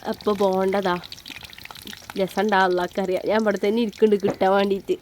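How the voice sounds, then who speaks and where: A woman's voice: medium pitch, little pitch movement, quick pace, slight background noise. A woman, chatting casually to her viewers in a family vlog. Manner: chatty, addresses viewers, ends remarks with soft tags. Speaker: family vlogger.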